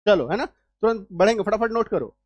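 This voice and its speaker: A man's voice: sits high, expressive, a little fast, no echo. A man teaching English spelling rules in an online lesson, repeating each rule and often checking whether students follow.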